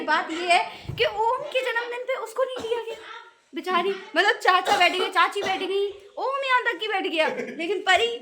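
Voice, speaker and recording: A young woman vlogging at a family gathering, talking straight to her viewers in a playfully dramatic, mock-outraged way. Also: very high voice. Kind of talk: casual village vlog narration.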